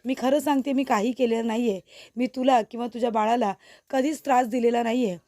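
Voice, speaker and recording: A woman's voice: fairly high pitch, fairly even intonation, brisk, dark tone, no room sound, studio quality, close to an everyday voice. A woman voicing a scheming mother-in-law who pleads sweetly and plays innocent. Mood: pleading. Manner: pleading, sugary.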